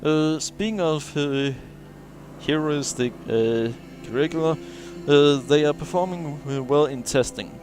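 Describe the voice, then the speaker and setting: A man with a slightly high voice plays a video game at an unhurried pace, reading the in-game logs aloud. He stumbles over words, fills gaps with lots of "uh," and lets out small chuckles while faint game music plays behind him.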